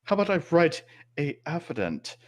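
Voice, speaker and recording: An overexcited young bellboy, as a man puts him on, swooping up and down in lively bursts. He sounds thrilled to be helping, breathless and eager. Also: on the high side, fairly quick.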